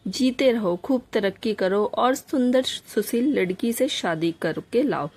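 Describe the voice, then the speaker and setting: A woman's voice: a little high, lively intonation, measured pace, darkish tone. A woman reading a storybook aloud, voicing an affectionate young woman who blesses a younger man.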